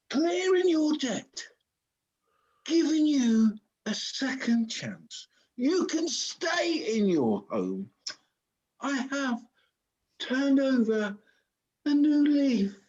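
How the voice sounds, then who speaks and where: A woman playing a nasty old landlord gone soft, speaking in a gruff put-on low voice on a video call. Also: big pitch swings, very slow, pauses often, heavily acted. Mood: wheedling. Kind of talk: comic pantomime acting. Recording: slightly dull video call audio.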